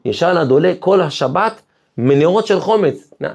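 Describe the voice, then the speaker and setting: Gravelly-voiced rabbi teaching with fervor. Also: male voice, a little high, lively intonation, a little mellow. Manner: emphatic, asks the listeners rhetorical questions; tells stories with passion, rising to fervent peaks. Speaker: rabbi teaching a weekly class. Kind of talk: Torah lesson with sermon-like exhortation.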